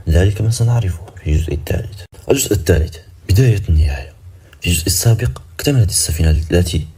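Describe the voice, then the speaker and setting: A man's voice: deep voice, dark tone, husky. A man narrating a dramatic story in a scripted, suspenseful way, ending sections with cliffhanger questions.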